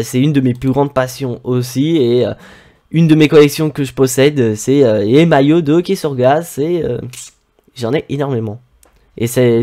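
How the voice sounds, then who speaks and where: A man talks through his gameplay in a relaxed, conversational way. He fills gaps with pauses and hesitations as he goes. The tone is easygoing, like a casual gaming video. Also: mid-range voice. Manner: relaxed, chatty, frequent hesitations. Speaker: gaming YouTuber.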